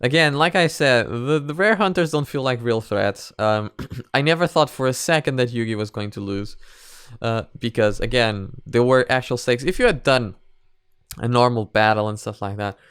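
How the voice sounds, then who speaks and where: A male video reviewer reacts to an animated parody series at a moderate pace, his medium-pitched voice smooth and a bit bright. The commentary is casual and unscripted, hesitant, rambling and repetitive. Clean studio sound with no room sound.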